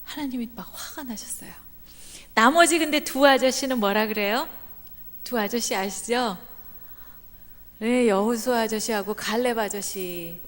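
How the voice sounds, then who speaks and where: Brief: middle-aged woman guest preacher, animated storyteller, fairly high voice, long church reverb. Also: measured pace, pauses often. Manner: animated, acts out quoted voices, laughs at own jokes. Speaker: guest speaker at a church revival meeting. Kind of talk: lively storytelling sermon. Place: church sanctuary.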